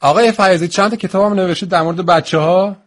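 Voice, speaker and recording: A man hosting a radio interview, asking questions in a friendly, teasing way. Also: high voice. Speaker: radio host.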